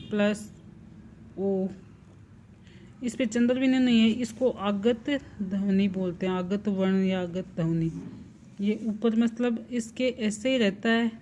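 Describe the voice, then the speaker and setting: A woman teaching a primary class, explaining slowly and deliberately, spelling out sounds one at a time and answering her own questions. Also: mid-range voice, darkish tone, muffled recording, slight background noise. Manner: slow and deliberate, asks the class questions and answers them herself. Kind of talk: slow explanatory lesson.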